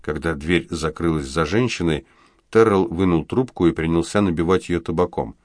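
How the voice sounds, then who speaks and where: A man narrating an audiobook in a steady, even reading voice. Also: low voice, moderate pace, dry recording, clean studio sound.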